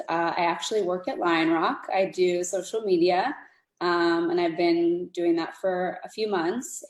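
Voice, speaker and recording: A woman introducing herself on an online panel, soft-spoken and hesitant. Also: on the low side, reverberant. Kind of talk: casual self-introduction.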